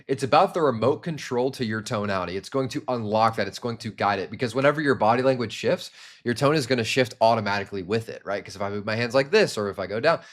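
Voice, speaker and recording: A young man in his twenties teaching sales to camera, energetic and demonstrating different tones with hand gestures. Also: mid-range voice, quick pace. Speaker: sales trainer. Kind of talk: instructional talk to camera.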